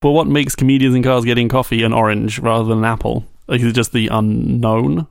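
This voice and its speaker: A man with a mid-pitched, gravelly voice chats in a wry, joking way and keeps throwing out questions. His voice has a rough, crackly edge. He is recorded close and dry. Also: fairly even intonation, fairly quick, dry recording. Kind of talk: casual chat.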